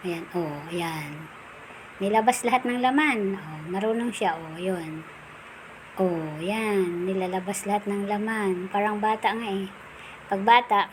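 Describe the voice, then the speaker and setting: A woman vlogger casually narrating what her dog is doing, now and then calling to it in a cooing, sing-song voice. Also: mid-range voice. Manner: coos and calls to her pet in a sing-song voice. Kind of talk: casual running commentary. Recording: audible background noise.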